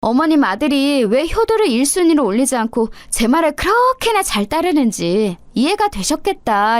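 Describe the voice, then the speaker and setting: Woman voicing a young daughter-in-law, sarcastic, smugly polite, high voice, lively swings, radio story. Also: no room sound.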